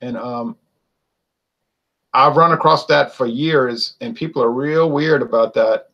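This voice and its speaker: A man's voice: mid-range voice, measured pace, dull audio. A man co-hosting a casual wine chat, rambling and opinionated, with lots of fillers and restarts. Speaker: wine show co-host.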